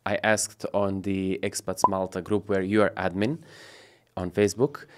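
A man in his thirties hosts a relaxed studio podcast with a lower voice. He talks with an upbeat energy, laughs easily and makes small grammar slips. He is recorded close on a desk boom mic. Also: clean tone. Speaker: podcast host. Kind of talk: casual interview chat. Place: studio set with blue walls and a wooden table. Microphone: desk podcast mic on boom arm.

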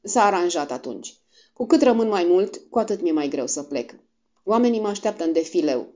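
A woman's voice: fairly low pitch, expressive, darkish tone, muffled recording, natural voice. A woman reading the lines of an earnest young frontiersman in a storybook, speaking tenderly and urgently. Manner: tender, urgent farewell speech.

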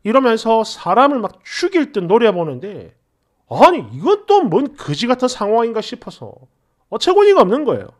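A man's voice: very high voice, huge pitch swings, normal speed. A young man narrating a story in a chatty, exasperated way.

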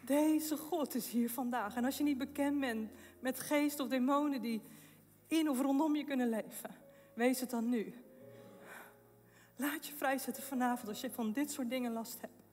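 A woman's voice: high voice, normal speed, darkish tone. A woman giving an emotional testimony at a faith event, telling her story with laughs and broken-off phrases, then rising into fervent preaching. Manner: impassioned, rising to fervent proclamations. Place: event hall with long reverb. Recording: long echo of a large hall.

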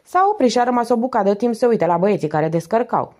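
A woman reading aloud and voicing a loud, cheeky male vagrant who talks with easy familiarity. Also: fairly high pitch, lively intonation, pitched above the performer's own voice.

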